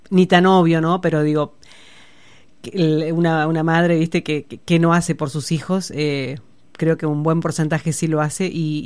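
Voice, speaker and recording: A woman, hosting an interview and asking gentle, soft-spoken follow-up questions. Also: sits low. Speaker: host. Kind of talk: conversational interview.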